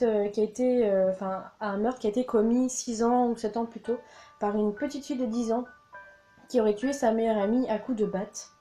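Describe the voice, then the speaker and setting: Young woman, book vlog chat, fairly high mellow voice, eager, soft music behind. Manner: enthusiastic, many fillers and repeated words. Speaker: book vlogger. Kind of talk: casual book haul chat. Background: soft background music.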